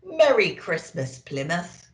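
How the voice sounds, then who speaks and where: A woman's voice: on the low side, sing-song, takes it slowly, echoey room. A woman voicing a jolly, chubby old Santa Claus from a children's storybook, hearty and exclaiming.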